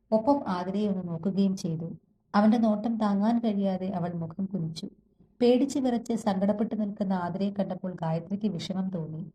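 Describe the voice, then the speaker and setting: A woman reading a romance audio story aloud in measured, even scripted narration. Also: medium pitch, poor audio.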